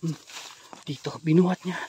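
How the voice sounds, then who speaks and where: A man's voice: fairly high pitch, steady tone, moderate pace, dark tone, slight background noise. Jittery Filipino man ghost-hunting at night. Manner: startled, shaky, talks straight to viewers. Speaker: ghost hunter vlogger. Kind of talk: live paranormal ghost-hunting vlog. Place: outdoors at night in rural brush. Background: crickets chirping.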